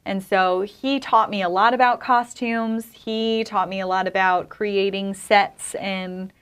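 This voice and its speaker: A woman talks about her training as an interview guest. Her delivery is thoughtful and measured, and her voice sits in a middle register. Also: medium pitch, steady tone, a bit bright, clean tone. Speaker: interview guest, stage actor and costumer. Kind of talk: casual interview chat.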